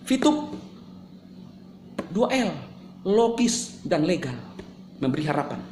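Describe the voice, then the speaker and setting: A man talking straight to his viewers in a casual monologue, animated and sarcastic, swinging between loud jabs and low mumbles. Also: slow, reverberant, slight background noise. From Indonesia. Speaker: video creator answering critics.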